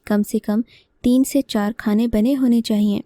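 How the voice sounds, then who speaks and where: A harsh, scornful older mother-in-law, read by a woman storyteller. She scolds with contempt in a dark, mellow, fairly high but flat voice. The sound is dry and close. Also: no echo, natural voice. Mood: scolding.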